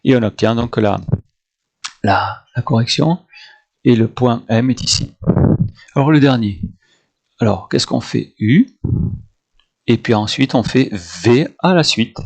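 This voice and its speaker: A man's voice: mid-range voice, lively intonation, measured pace, creaky, pauses often, a little mellow. A man, a math teacher, correcting homework exercises on screen and counting grid squares aloud as he works through each step.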